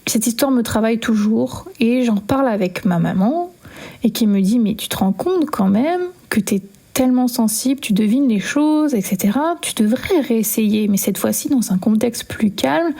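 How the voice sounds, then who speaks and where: A woman's voice: a little high, lively intonation, moderate pace, mellow. A young woman telling her own paranormal experience as a spoken testimony, acting out the dialogue with many fillers.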